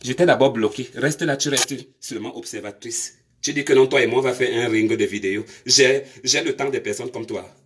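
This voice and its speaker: A woman's voice: very deep voice, brisk, hardly any pauses. A woman, scolding her commenters during a live stream with confrontational rhetorical questions.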